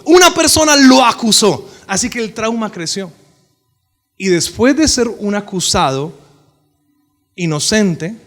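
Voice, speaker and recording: A man preaching a sermon, telling the story animatedly and joking with the congregation. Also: high-pitched. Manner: animated storytelling, acting out characters, joking with the audience.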